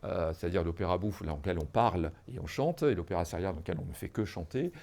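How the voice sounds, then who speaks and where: Gravelly, lively-voiced male lecturer. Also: low voice, fast talker. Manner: hesitant, many fillers and restarts while explaining; addresses listeners directly, teacherly. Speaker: music history lecturer. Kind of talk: educational podcast lecture.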